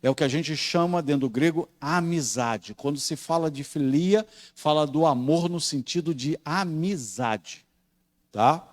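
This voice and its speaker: A Brazilian pastor leads a Bible study class in a somewhat high-pitched male voice. He explains patiently, stretching out the words he wants remembered, and keeps checking in with his students. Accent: Brazilian Portuguese. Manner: slows down and stresses key words. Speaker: pastor teaching a Bible course.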